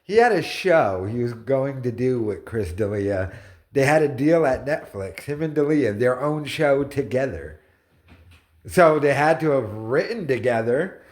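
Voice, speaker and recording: Guy doing reaction commentary, medium pitched voice, fed up and mocking, just riffing. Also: lively intonation, measured pace. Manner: exasperated, mocking. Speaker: YouTube commentator. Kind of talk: reaction commentary, off-the-cuff rant.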